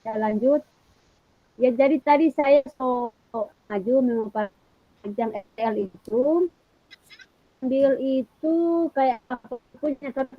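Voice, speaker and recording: A woman teacher speaking in halting, broken-up phrases over a video call, her voice choppy and robotic from glitching audio. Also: sits high, no room sound. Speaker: teacher in an online training meeting. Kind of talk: reporting to a video call group. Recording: dull, lo-fi online call audio.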